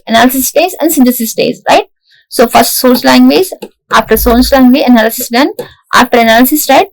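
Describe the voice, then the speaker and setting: A woman's voice: sits high, low-quality recording. A woman lecturer with an Indian English accent, explaining a lesson in a classroom style and often checking in with "right?". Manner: repeats "right?" to check understanding, frequent restarts.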